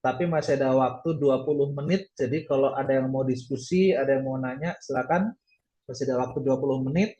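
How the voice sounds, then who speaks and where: A man's voice: medium pitch, fairly quick, dark tone, echoey room, highs cut off. A man teaching a Japanese language class online, patient and repetitive, often checking in with his students. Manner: patient, repeats points with frequent "ya".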